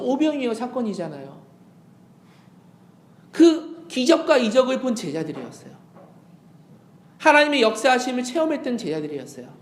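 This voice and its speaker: A man preaching a Sunday sermon as pastor, earnest, dropping to a hush when he quotes Jesus. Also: sits high, reverberant. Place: church sanctuary.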